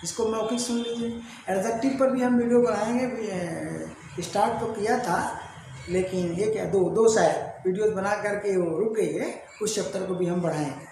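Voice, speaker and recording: A man's voice: high voice, normal speed, creaky, warm tone, slight background noise. A man teaching a grammar lesson, asking his class questions and answering them himself while repeating key words. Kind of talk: English grammar lesson in Hindi. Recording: very echoey room.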